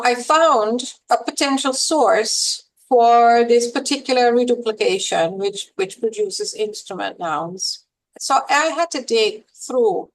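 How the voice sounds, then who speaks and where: A woman academic explains a subject as a podcast guest. Her voice sits slightly high, and she talks in a measured, lecture-like way, with small fillers between points. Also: rough recording. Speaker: linguistics professor and guest. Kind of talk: explanatory interview talk.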